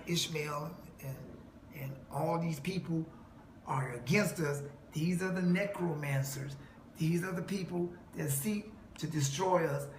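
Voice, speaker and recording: A man delivering an emphatic preaching monologue to a listener, quoting scripture and laughing mockingly. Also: fairly high pitch. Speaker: self-styled preacher. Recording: echoey room with faint noise.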